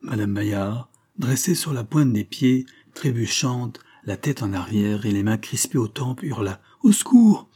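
A man narrating a story in a measured, literary way as an audiobook reader. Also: fairly low pitch, darkish tone, husky.

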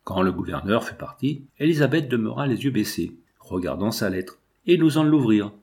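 A man giving a scripted, measured literary narration of a classic novel as an audiobook reader. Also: lowish voice, animated, creaky, darkish tone.

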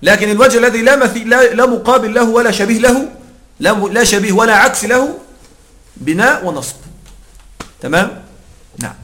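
A male grammar teacher with a high, bright voice delivers a methodical lecture. He walks through each rule patiently, stops often to check that his students follow, and slows right down to read quoted text. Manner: explanatory, checks in with listeners often; reads the quoted text slowly and deliberately.

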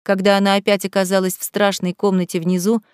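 A woman narrating an audiobook in a measured, even storytelling manner. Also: mid-range voice, clear, resonant tone, no room sound, studio quality.

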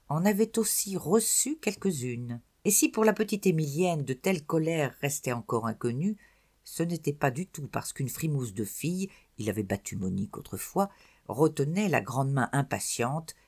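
An audiobook narrator reading a novel in a measured, expressive storytelling voice. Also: medium pitch, husky. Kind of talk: scripted literary narration.

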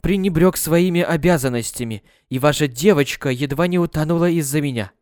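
A man's voice: on the high side, a little fast, darkish tone, clean tone, no room sound, studio quality, lightly acted. A man voicing a stern, formal, guilt-stricken older tutor in a storybook.

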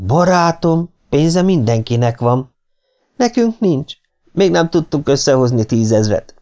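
A man's voice: medium pitch, expressive, creaky, darkish tone, pitched above the performer's own voice. A man voicing a scheming middle-aged kidnapper who taunts his captives. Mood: mocking. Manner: sneering, taunting.

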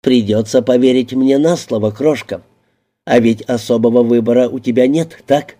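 A smug, coercive man who speaks with slow, even, coaxing menace, as the reader gives him voice. His voice is very dark and mellow, held at a middling pitch. His words come out level and unhurried in this audiobook reading. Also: lightly acted. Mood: cold.

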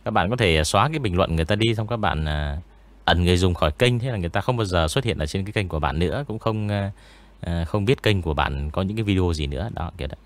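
A man's voice: low-pitched, quick pace, no echo. A man who narrates ghost stories, chatting casually in an interview with many fillers. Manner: relaxed, rambling, many fillers.

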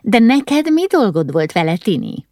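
A woman's voice: medium pitch, very animated, a little mellow, no room sound, studio quality, pitched above the performer's own voice. Woman doing a giggly, nosy young lady. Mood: chatty. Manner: chatty and nosy.

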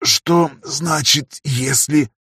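A man's voice: on the high side, extremely slow, sharp tone, husky, dry recording, studio quality, pitched above the performer's own voice, full character voice. A man voicing a stubborn, wounded male arena fighter who answers defiantly through gritted teeth, in an audiobook.

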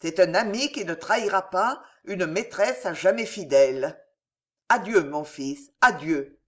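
A reader voicing a stern old soldier father who gravely lectures his son in a storybook reading. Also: mid-range voice, animated, measured pace, lightly acted. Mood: solemn. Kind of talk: audiobook character reading.

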